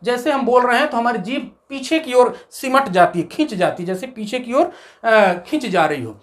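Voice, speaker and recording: A woman's voice: a little high, expressive. A woman teaching a Hindi grammar lesson, explaining step by step and asking questions that she answers herself. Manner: recites letters of the alphabet slowly.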